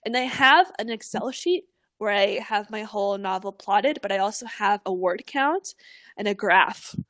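A young woman co-hosting a podcast, telling stories in a lively, animated way, laughing often and swearing freely. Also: mid-range voice, moderate pace. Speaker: podcast co-host. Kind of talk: casual podcast chat.

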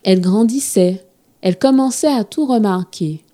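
A woman telling a storybook tale to children in a gentle, expressive reading style. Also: medium pitch, moderate pace.

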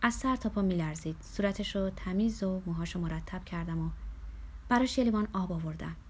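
A woman reading a first-person novel aloud as an audiobook narrator, in a steady, measured way. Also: lowish voice, slight background noise.

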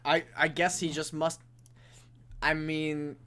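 A man's voice: on the high side, little pitch movement, takes it slowly, pushed and bright, smooth. A young man co-hosting a casual podcast, rambling and hedging as he restarts his thoughts while discussing an episode. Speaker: podcast co-host. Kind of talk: casual chat reviewing an audio drama episode.

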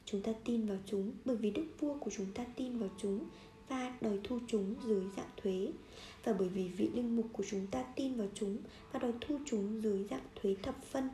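A woman reading a nonfiction book aloud in a steady, measured way, now and then correcting a slip. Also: on the high side, reverberant, a little hiss or hum. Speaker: audiobook reader.

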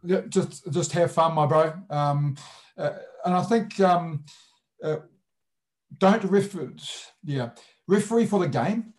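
A man's voice: fairly high pitch, slow, a little mellow. A man with a broad New Zealand accent chatting casually as an interview guest, blunt and jokey with colloquial turns of phrase. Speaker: sports referee, interview guest.

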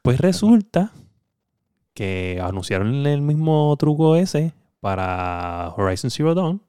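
Guy hosting a gaming podcast, smooth voice, dry mic, rambles and teases his buddies. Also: on the high side, very animated, slow pace, dark tone, no echo. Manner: rambling, teasing, full of fillers like "este". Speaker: podcast host. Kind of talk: casual gaming podcast banter.

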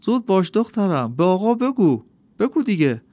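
A man doing a frantic, high-pitched pleading father. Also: sing-song, dark tone, no room sound. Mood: anxious, pleading. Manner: urgent, pleading. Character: anxious, pleading middle-aged father. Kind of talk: audiobook character voice.

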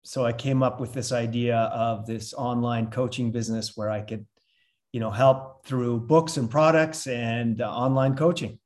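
An older man from Canada, a retired consultant turned coach, talking reflectively in a relaxed interview with many "uh"s and restarts. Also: mid-range voice, measured pace. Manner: reflective, with frequent fillers and restarts. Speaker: podcast guest, coach. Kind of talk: casual interview chat.

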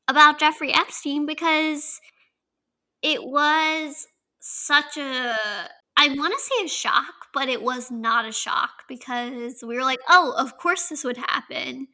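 A woman in her twenties with a Southern accent, co-hosting a podcast in casual chat, chatty and quick to laugh. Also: high voice, bright, forceful tone, low-quality recording. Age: 20s. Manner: chatty, laughs often, draws out words. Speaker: podcast co-host.

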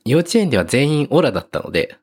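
A man chats casually as a podcast co-host, throwing in quick jokes. His voice is lively and moves around a lot. It has a slightly husky edge. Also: medium pitch. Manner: lively, joking reactions. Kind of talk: casual chat.

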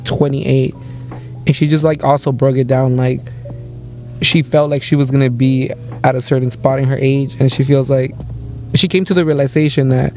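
A man's voice: mid-range voice, level tone, moderate pace, warm tone, faint music behind. A man in his mid-twenties in a casual podcast chat, rambling with lots of filler words. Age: 20s.

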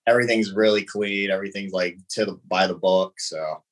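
Deep-voiced relaxed man in his thirties. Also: fairly quick, rough recording. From United States. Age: 30s. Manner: relaxed, laughs between answers. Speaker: podcast guest. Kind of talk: casual conversation.

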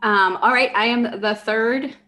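A young woman from Mexico co-hosting a casual podcast chat, enthusiastic and quick to laugh, swearing freely. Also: a little high, pushed and bright. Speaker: podcast co-host.

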